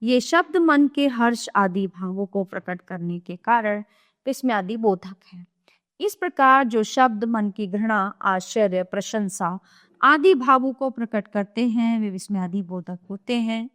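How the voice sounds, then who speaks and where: Reading grammar rules and example sentences to children, a woman teaches in a steady, measured way. Her voice is mid-range, and the studio-quality audio has no echo.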